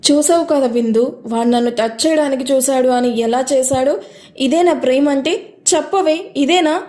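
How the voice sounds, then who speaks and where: A woman's voice: sits high, normal speed, mellow, natural voice. A woman reading an audio story, voicing a distraught young woman who speaks in an anguished, indignant way.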